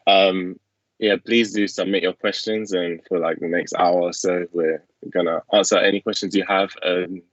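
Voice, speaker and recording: Over a video call from a small home room, a young man from England runs a laid-back student Q&A at normal speed, using plenty of fillers. The sound comes through a laptop webcam mic, dull and lo-fi, with no room sound.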